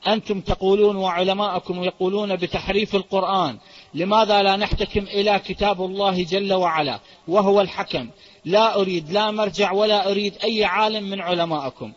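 A man's voice: high-pitched, steady tone, a little fast. A man speaking firmly in an argumentative debate. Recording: muffled lo-fi audio.

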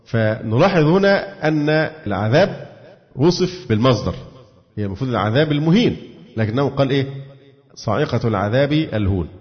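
A man's voice: mid-range voice, expressive, fairly quick, long pauses. A man with an Egyptian accent teaching a religious exegesis lesson, asking himself questions and answering them. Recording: echoey, dull lo-fi recording.

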